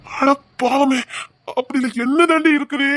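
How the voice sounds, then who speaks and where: A man's voice: extremely high pitch, steady tone, normal speed, fairly bright tone, no room sound. A man with a Tirunelveli Tamil accent, playing a caring young village man who teases affectionately. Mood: amused. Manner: affectionate, teasing, easygoing. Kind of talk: web series drama acting.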